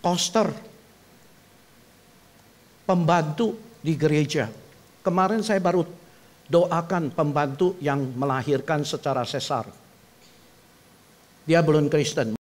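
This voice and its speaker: High-pitched old pastor, 70s, preaching in church, chatty then gets loud and pushy, asks the crowd questions. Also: male voice, slow pace, long pauses. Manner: conversational preaching that swells to loud emphatic climaxes; asks the congregation direct questions. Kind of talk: sermon. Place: church building.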